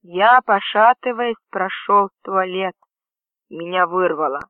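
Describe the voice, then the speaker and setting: A man's voice: high voice, a little slow, clean tone, no room sound. A man reading a first-person story aloud as an audiobook narrator, in a tense, dramatic manner. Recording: dry, tinny phone-like audio.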